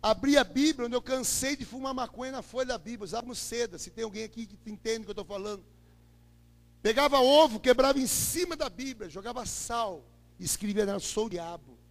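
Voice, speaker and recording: A man with a Brazilian Portuguese accent preaching his testimony, swinging between loud declarations and low murmurs, heard in an echoey hall. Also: fairly quick. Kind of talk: impassioned testimony sermon. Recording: echoey hall with long reverb.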